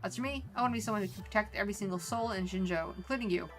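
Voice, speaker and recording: An Irish woman reads aloud as a cheerful young patrol officer from a game. The delivery is upbeat and friendly, with a mid-range pitch. Faint music plays underneath. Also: very fast, lightly acted.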